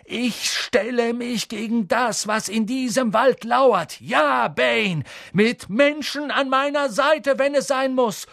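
A man's voice: mid-range voice, lively intonation, slightly rough, dry recording, clean studio sound, full character voice. Firenze, a grave noble young centaur, as a man voices him. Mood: urgent. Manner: measured and grave, slow emphatic words. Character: noble young male centaur, earnest and protective. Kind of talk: audiobook character voice.

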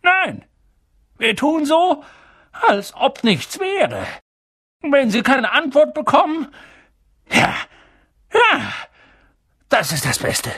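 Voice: high-pitched, huge pitch swings, extremely slow, hardly any pauses, bright, forceful tone, dry recording, clean studio sound, voice pushed up, full character voice. An audiobook narrator voicing a blustering middle-aged uncle who bellows and splutters. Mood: flustered. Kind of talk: audiobook character voice.

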